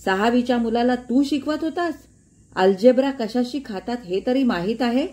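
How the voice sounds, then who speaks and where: A woman voicing an angry, stern father who scolds and shouts at a servant in a told story. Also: fairly high pitch, animated, moderate pace, pitched above the performer's own voice, natural voice. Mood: furious scolding. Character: furious stern father, head of household.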